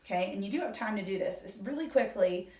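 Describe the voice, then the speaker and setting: Animated, fast and mellow, her mid-range voice carries a violin lesson in which this orchestra teacher explains each step and counts beats aloud. Violin playing is heard in the echoey room, caught by a distant mic.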